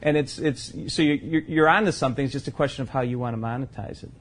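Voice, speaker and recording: A man's voice: medium pitch, quick pace. A man talking as a podcast guest in casual chat, earnest and matter-of-fact as he makes his case.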